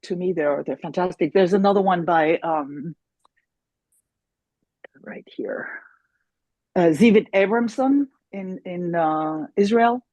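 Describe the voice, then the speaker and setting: Speaking slowly with long pauses, this sixties-aged podcast guest has a lowish, dark voice, recorded dull with no room sound. Raised in France with German as her native language, she tells casual stories animatedly with many restarts.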